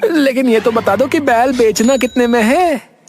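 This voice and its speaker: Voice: medium pitch, moderate pace, crowd noise, close to an everyday voice. A performer voicing a foolish, bumbling village husband in a cartoon, whiny and pleading. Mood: boastful. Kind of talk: cartoon voice acting. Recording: music behind voice.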